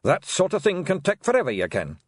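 Brief: man playing a tiny brawling Scottish pixie boss, high and loud, husky edge. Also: a little fast, no echo, clean studio sound, full character voice. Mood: eager. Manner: loud, blustering, excitable. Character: fierce little male Scottish pixie chief, blustering.

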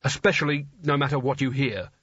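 A man's voice: mid-range voice, fairly quick, a bit bright, slightly rough, no room sound, highs cut off. A man voicing a cowardly but kindly male wizard who gives urgent instructions with a wry edge.

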